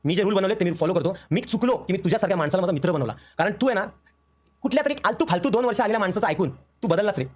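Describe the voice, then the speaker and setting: A man's voice: high-pitched, animated. A young man, venting on a live stream in an emotional, aggrieved rush. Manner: emotional, aggrieved, rapid storytelling. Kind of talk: heated live-stream rant.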